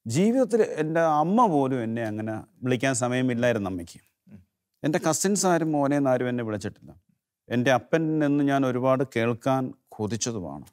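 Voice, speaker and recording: A middle-aged man from Kerala telling his personal testimony in an interview, earnest and halting, his voice sinking low and soft when he is moved. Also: sing-song. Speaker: interview guest giving testimony.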